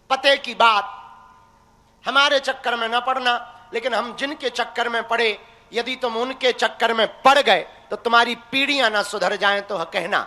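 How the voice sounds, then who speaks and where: High bright-voiced preacher in a hall. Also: male voice. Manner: teasing, blunt, addresses listeners directly. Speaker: spiritual preacher. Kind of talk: devotional sermon to a crowd.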